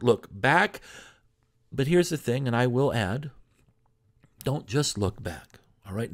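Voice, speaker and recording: Gravelly-voiced man preaching conversationally. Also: mid-range voice. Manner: conversational preaching, rhetorical questions. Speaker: pastor. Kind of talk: sermon.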